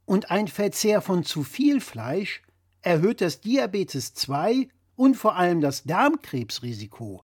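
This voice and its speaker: A man's voice: high-pitched, very animated, slow, husky, voice pushed up, exaggerated voice. A man voicing an exasperated grown son who answers with dry, wry replies.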